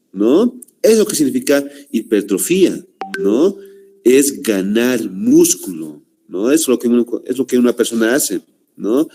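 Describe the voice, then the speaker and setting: A man with a Bolivian Spanish accent lecturing a class, halting with fillers and constant "¿no?" tags. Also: lowish voice, darkish tone. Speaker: teacher.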